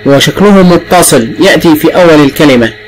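A man's voice: fairly high pitch, expressive, background noise. A man with an Egyptian accent teaching the alphabet to young children, drawing out sounds and prompting patiently. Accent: Egyptian Arabic. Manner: patient, drawn-out and repetitive prompting.

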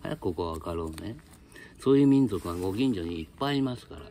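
Male teacher, somewhat low voice, blunt and colloquial, lecturing casually. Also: animated, fast talker, warm tone, slight background noise. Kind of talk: casual spoken lesson.

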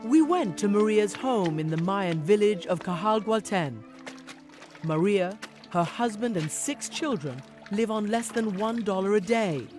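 A middle-aged woman correspondent giving a measured, earnest scripted news narration. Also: medium pitch, expressive, over music.

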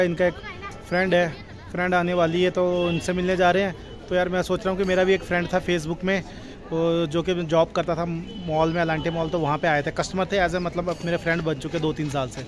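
Holding his phone at arm's length, a young travel vlogger in his twenties keeps up a casual, chatty commentary while walking a bustling town market and monastery grounds. His voice sits high, and the outdoor recording is full of crowd chatter and street noise.

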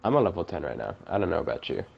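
A man's voice: deep voice, big pitch swings, very fast, gravelly, slightly rough, muffled recording. A man chatting casually while playing a game, teasing his friends with jokey banter. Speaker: let's play gamer. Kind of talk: casual gaming chat.

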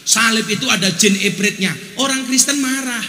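A man with a Javanese accent giving a lively, joking sermon to a big gathering, dropping into local dialect for punchlines. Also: very high-pitched, moderate pace. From Java, Indonesia. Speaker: preacher. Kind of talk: lively humorous sermon to a crowd. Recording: echoey large hall.

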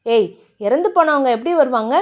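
Teasing gruff young man, mock-threatening, lower than her own voice, romance audiobook, voiced by a woman narrator. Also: lively intonation, normal speed. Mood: gentle.

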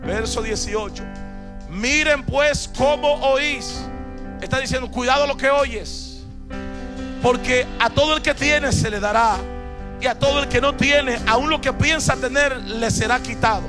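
On stage in a large church auditorium, a man in his thirties delivers a charismatic sermon through a handheld microphone, preaching emphatically and often repeating phrases. His voice is very high-pitched and unhurried, with music playing behind him.

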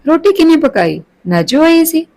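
A woman's voice: high-pitched, very animated, moderate pace, vocal fry, a little mellow, voice pushed up, exaggerated voice, rough recording. A woman voicing a blunt young man who teases and questions his friend. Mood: brusque.

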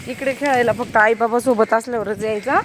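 A woman's voice: a little high, fairly even intonation, brisk, noisy background. Mother firmly coaching her child outdoors. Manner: firm, repetitive instructions to a child. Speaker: vlogger and mother. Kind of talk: casual family vlog, teaching a child to cycle. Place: outdoors in a housing complex near underground parking.

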